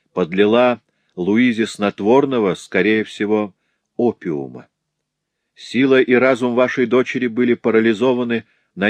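A man reading a story aloud, voicing a composed nobleman speaking with measured earnestness. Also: mid-range voice, dry recording, lightly acted.

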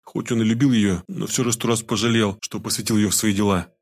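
A man narrating a gritty audiobook in a steady storytelling voice with street slang. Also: lowish voice, fairly quick, slightly rough. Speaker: audiobook reader. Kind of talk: scripted narration.

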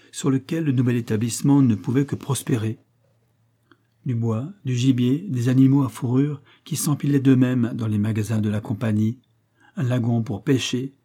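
A man reading a classic adventure novel aloud as an audiobook narrator, in a measured way, raising his voice for the characters' dialogue. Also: mid-range voice, dark tone.

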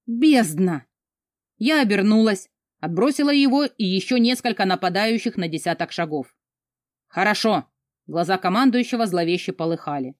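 A woman's voice: mid-range voice, lively intonation, fairly quick, no room sound, clean studio sound. Woman narrating a novel dramatically. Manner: dramatic, emotional first-person reading. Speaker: audiobook narrator. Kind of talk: first-person novel narration.

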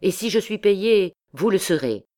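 A man's voice: high-pitched, animated, unhurried, darkish tone, pitched above the performer's own voice. A woman reading the part of an irritated, proud medieval male poet who grumbles and complains theatrically.

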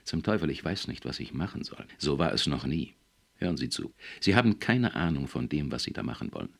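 A man's voice: extremely low pitch, animated, fairly quick, gravelly, heavily acted. A man reading an audiobook, voicing a cold, stern male official who questions and lectures in a cool, probing manner. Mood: lecturing.

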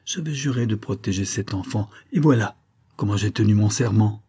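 A man's voice: on the low side, normal speed, mellow, breathy edge. A man voicing an anguished, guilt-ridden army captain who speaks in outrage and despair. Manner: outraged, desperate.

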